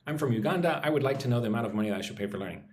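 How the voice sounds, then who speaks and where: Speaking at a medium pitch and in an animated way, this American man runs a live English lesson. The room echoes as he voices viewers' comments and carefully models pronunciation for the audience to copy.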